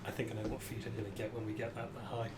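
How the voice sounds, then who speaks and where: A man's voice: fairly low pitch, level tone. Man chatting through a game, noisy recording. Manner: halting, questioning, thinking aloud. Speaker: tabletop game player. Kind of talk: casual in-game chat. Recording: clear background noise.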